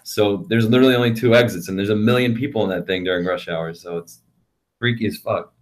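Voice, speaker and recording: A low-pitched man rambles through a loose podcast conversation. He swears freely and pads his sentences with fillers. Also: steady tone, fast talker. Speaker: podcast co-host. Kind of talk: casual chat. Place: home studio on webcam.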